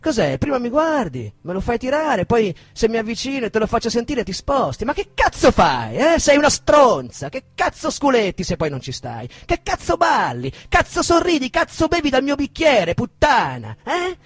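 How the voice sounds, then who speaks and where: A man reading a dramatic monologue as an abusive, aggressive man berating a woman, shifting from shouted insults to cold menace, with a husky voice. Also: a little high, very animated, a little slow, pauses often, no echo, exaggerated voice. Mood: furious, contemptuous.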